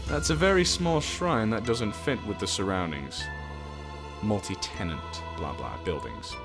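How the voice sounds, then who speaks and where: Speaking at a measured pace in a lowish voice with lively intonation, a let's player narrates his game casually against background game music. He reads the text aloud and adds sweary, joking asides.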